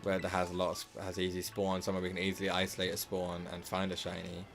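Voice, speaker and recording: A man with a hoarse, slightly sore throat chats casually over his live gameplay stream, rambling with plenty of filler words and correcting himself. His voice sits low and a bit bright, monotone and fast, with soft music in the background.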